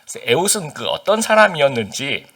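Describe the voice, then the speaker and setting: A Busan-born pastor delivers a chatty sermon packed with fillers and questions for his congregation, his standard Seoul Korean carrying a faint Busan accent. His voice is slightly high and sing-song, a bit quick, with a pushed, bright quality.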